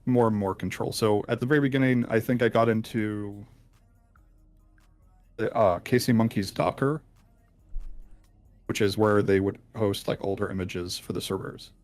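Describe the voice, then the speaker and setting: Hacker man through a deep voice changer. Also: fairly even intonation, moderate pace, pauses often, a little mellow, dry recording. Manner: hesitant, rambling, many ums and restarts. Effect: voice changer, deep pitch-shifted. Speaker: interviewed hacker. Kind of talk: casual call-in interview.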